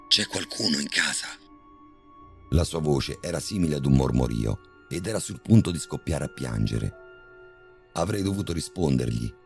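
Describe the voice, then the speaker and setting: A man narrating a horror story in a measured, tense storytelling manner. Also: rumbling low, creaky, warm tone.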